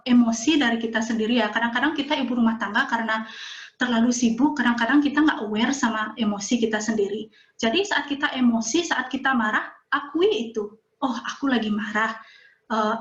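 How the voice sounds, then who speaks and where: A woman's voice: on the high side, fairly bright tone. A woman giving a webinar talk on parenting, mixing English phrases into her speech and acting out little dialogues. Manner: acts out quoted dialogue. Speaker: webinar speaker. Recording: roomy, muffled online call audio.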